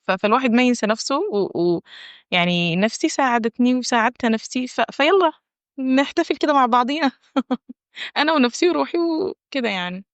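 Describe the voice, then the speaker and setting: A woman's voice: sits high, expressive, brisk, no echo. A woman talking in a casual conversation, encouraging, frequent restarts and hesitations. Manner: warm encouraging talk, with many restarts and hesitations. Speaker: wellness guest. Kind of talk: casual conversation in Arabic with English phrases. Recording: dull dry audio.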